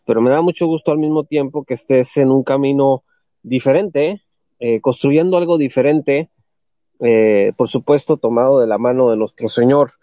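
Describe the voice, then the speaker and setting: A male host of a live audio talk, speaking calmly and courteously to callers. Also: mid-range voice, moderate pace, dry recording. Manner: calm, courteous, uses formal address. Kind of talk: live audio space hosting. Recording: slightly dull lo-fi audio.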